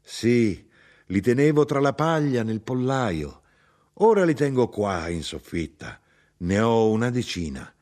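A man reading aloud, voicing a feisty older mother who talks bluntly and with pride in a lively, animated way. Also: mid-range voice, unhurried. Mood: recalling. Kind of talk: audiobook reading.

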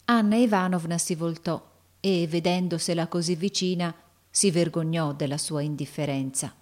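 Narrator, woman, lowish voice, measured storybook reading. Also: steady tone, a little mellow.

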